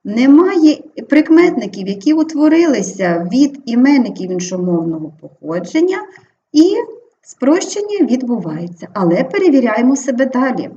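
A Ukrainian woman teacher giving an exam-prep grammar lesson, clearly and slowly drawing out each example word. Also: high-pitched, very animated, mellow. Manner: clear, deliberate, drawn-out spelling of example words. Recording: slightly dull lo-fi audio with faint background hiss.

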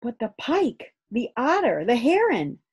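A woman's voice: fairly high pitch, huge pitch swings, unhurried, a little mellow, breathy edge, muffled recording, voice pushed up, exaggerated voice. A woman reading aloud and voicing a sensible, scolding young girl in a storybook. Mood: worried. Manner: scolding, earnest.

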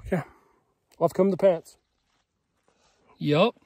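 A man's voice: fairly high pitch, fairly even intonation, very slow, warm tone, no room sound. A man vlogging outdoors by a mountain lake, talking to the camera in a wry, self-deprecating way. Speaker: fishing vlogger. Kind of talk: casual outdoor vlog narration.

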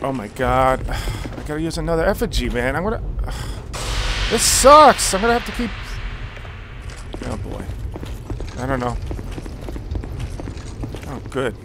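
A male let's-play commentator swears and reacts out loud as he plays, dropping to quiet mutters between outbursts. His pitch is lively and his pace unhurried, over clearly audible background noise. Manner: profane, swings from mutters to loud laughing disbelief.

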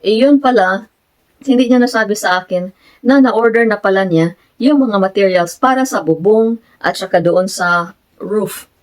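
Filipina vlogger, woman, Filipino accent, mid-pitched, casual Taglish storytelling, emphatic. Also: unhurried, low-quality recording. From Philippines. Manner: mixes Tagalog and English, retelling conversations; grows animated and emphatic.

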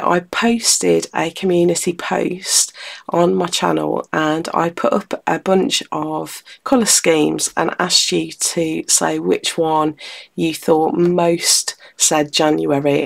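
Brief: woman, low-ish voice, croaky and nasal from a cold, gravelly edges; friendly step-by-step craft tutor. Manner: chatty, friendly, explains step by step. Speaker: textile art tutor. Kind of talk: relaxed craft tutorial talk.

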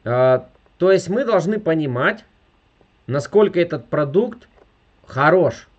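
His voice on the high side, expressive and slow, a man in his thirties makes an emphatic sales presentation for network marketing over a video call, continually appealing to those watching. He's in an indoor room with furniture, and the audio is dull.

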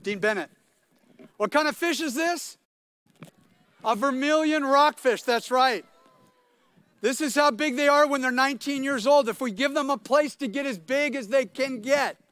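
A man's voice: extremely high pitch, a bit bright, clean tone, no room sound. An older man giving a playful outdoor commencement speech at a podium mic, quizzing the audience. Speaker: commencement speaker. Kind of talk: lively speech to a crowd. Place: outdoor stadium ceremony.

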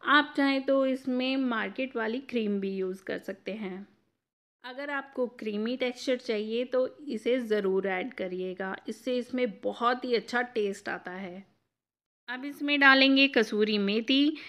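Bright-voiced woman narrating a recipe. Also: fairly high pitch. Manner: clear step-by-step instructive. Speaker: cooking channel host.

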